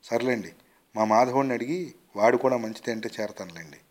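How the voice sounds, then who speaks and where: A man's voice: mid-range voice, brisk, natural voice. A man voicing a poor, simple young drifter who answers in a hesitant, mumbling way.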